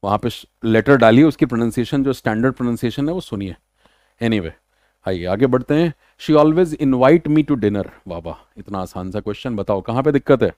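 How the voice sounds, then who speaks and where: Male grammar tutor for an exam-prep lesson. Chatty, with slow, careful English lines. Warm, mellow voice, dry close recording. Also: mid-range voice, no room sound. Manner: casual, chatty explaining that mixes Hindi with slow, deliberate English.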